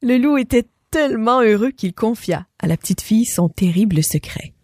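A woman reading a children's story aloud as a storyteller, expressive and speaking to a child listener. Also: on the high side, normal speed, no echo.

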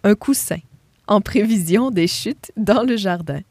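A woman reading a children's picture book aloud with expressive, animated narration. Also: medium pitch, a little slow, husky, no echo. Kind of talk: storybook reading.

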